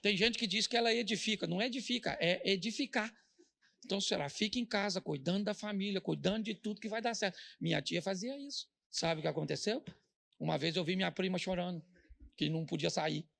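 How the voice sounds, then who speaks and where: Gravelly, high-pitched Brazilian preacher. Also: male voice, a little fast, a bit bright. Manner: storytelling, jokey, asks the audience rhetorical questions. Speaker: pastor. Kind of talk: humorous sermon.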